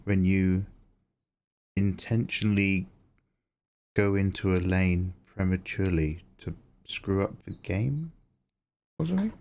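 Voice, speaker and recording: Deep, mellow-voiced man chatting on stream. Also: unhurried, long pauses. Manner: rambling, thinking aloud. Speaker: streamer and digital artist. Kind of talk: casual livestream chat.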